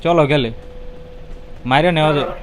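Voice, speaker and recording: Excited young gaming man. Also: on the high side, faint music behind. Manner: rapid, excited, repeats himself. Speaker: gamer. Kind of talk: casual chat while gaming. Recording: background noise.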